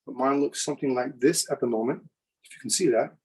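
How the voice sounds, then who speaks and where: A man's voice: mid-range voice, brisk, recorded from a distance, low-quality recording. Man demoing a recipe, a bit off-mic. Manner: relaxed, chatty, with fillers. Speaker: cooking demo presenter. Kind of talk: live cooking demonstration.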